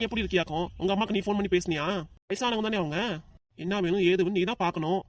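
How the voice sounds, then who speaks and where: A woman voicing a calm, coaxing elderly grandfather who keeps the peace in a family cartoon. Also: medium pitch, racing, no echo, clean studio sound, natural voice. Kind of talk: cartoon dub acting.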